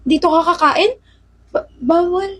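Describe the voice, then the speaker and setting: A woman's voice: extremely high pitch, unhurried. A woman playing a prickly, flustered young woman. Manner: flustered, stammering. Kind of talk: melodrama dialogue.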